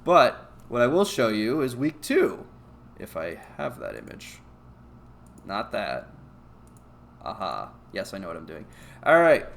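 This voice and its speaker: Man, low voice, laid-back, teasing co-host, casual recap commentary. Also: huge pitch swings, unhurried, vocal fry, pauses often, fairly bright tone. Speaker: league co-host.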